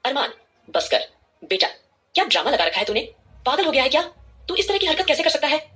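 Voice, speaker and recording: A woman's voice: sits high, big pitch swings, brisk, pushed and bright, voice pushed up, heavily acted. Woman voicing old grandfather, stern, scolding, pained.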